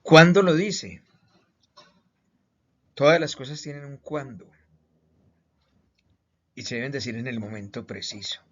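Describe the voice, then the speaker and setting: A man's voice: medium pitch, unhurried, long pauses. A man from Colombia teaching a recorded online lesson, stressing each point with questions and repeated words. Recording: slightly muffled lo-fi audio.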